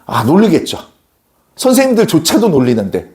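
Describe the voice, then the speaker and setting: A man's voice: a little high, wildly swooping pitch, a little fast, dark tone. A middle-aged man who teaches social studies, telling a personal story in class and acting out the quoted voices in it. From South Gyeongsang, Korea.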